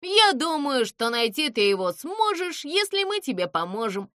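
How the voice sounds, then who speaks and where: A woman voicing a clever, self-assured male cat who explains things in a measured, pleased way. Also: high-pitched, sing-song, fairly bright tone, no room sound, studio quality, pitched above the performer's own voice. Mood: calm, knowing.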